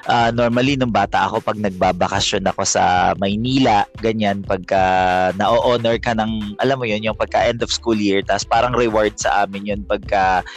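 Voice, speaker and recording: A man's voice: lowish voice, steady tone, moderate pace. A man, casually reminiscing in a talkative, self-correcting way. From Gapan, Nueva Ecija, Philippines.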